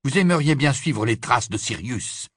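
A man voicing an angry, defiant teenage boy wizard in an audiobook, with a sharp and accusing delivery. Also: medium pitch, expressive, normal speed, husky, no room sound, studio quality, voice pushed up. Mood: furious. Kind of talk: audiobook character voice.

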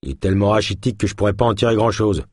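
A man voicing a crude, menacing hunter who talks slowly and threatens, in an audiobook. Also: on the low side, expressive, darkish tone, no echo, studio quality. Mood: mocking. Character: bearded hunter, gruff, menacing, coarse. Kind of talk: audiobook character voice.

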